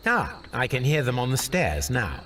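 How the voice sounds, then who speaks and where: An actor playing a brilliant, cool-headed male detective in a video game, talking in a formal, measured way. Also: mid-range voice, wildly swooping pitch, a bit bright, distant mic, a little hiss or hum. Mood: calm.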